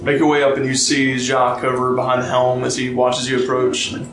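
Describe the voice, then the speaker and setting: A man narrating as game master of a tabletop game, relaxed and storytelling, reading lore aloud with fillers. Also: mid-range voice, brisk. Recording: roomy sound with music behind.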